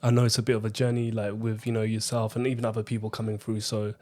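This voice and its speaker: A man's voice: lowish voice, completely flat delivery, quick pace, warm tone. A man hosting a podcast, asking long, rambling questions full of fillers. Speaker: podcast host. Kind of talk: casual interview chat.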